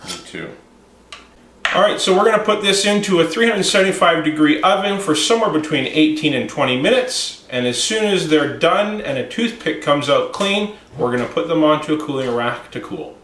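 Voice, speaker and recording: Man calmly demonstrating a home recipe. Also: on the high side, brisk, slight background noise. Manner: calm, explaining steps to a child. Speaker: home cook. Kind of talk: cooking demonstration. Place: home kitchen. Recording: roomy kitchen echo.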